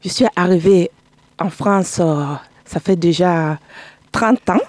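A woman's voice: on the low side, takes it slowly, a little mellow, no room sound. A middle-aged woman from Burkina Faso, a guest telling her story in a chatty way in a radio studio interview.

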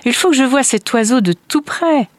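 A woman reading a storybook and voicing an eager, awestruck father with bright, marvelling exclamations. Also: high-pitched, lively intonation, moderate pace, no room sound, pitched above the performer's own voice. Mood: awed.

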